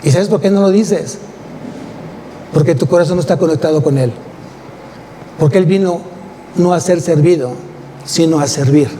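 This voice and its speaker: A man's voice: on the high side, normal speed, pauses often, mellow. A man with a Mexican Spanish accent preaching a sermon, speaking emphatically and putting rhetorical questions to his congregation. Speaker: pastor. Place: church sanctuary. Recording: long church hall reverb, faint noise.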